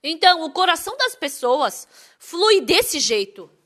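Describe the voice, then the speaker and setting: High, bright-voiced woman interpreting a sermon. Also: a little slow. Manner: lively, asks rhetorical questions.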